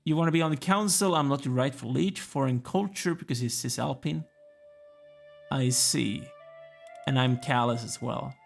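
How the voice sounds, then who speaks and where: A man's voice: medium pitch, normal speed, gravelly, faint music behind. A tired, yawning man casually commenting as he plays a strategy game, musing aloud and chatting to the characters on screen. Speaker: let's play gamer.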